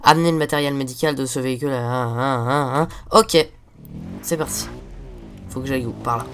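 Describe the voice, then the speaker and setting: With faint music playing behind him, a congested teenage boy hosts a laid-back gaming video, swearing at the game while he rambles. His medium-pitched voice is creaky and fairly bright, and he speaks a little quickly.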